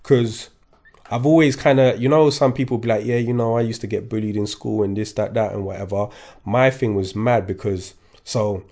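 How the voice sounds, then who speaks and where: Laid-back young man, low voice. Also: steady tone, normal speed, a little mellow. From born in France, grew up in Kingston, England. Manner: laid-back slang-heavy storytelling, many fillers. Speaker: guest. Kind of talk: casual podcast chat.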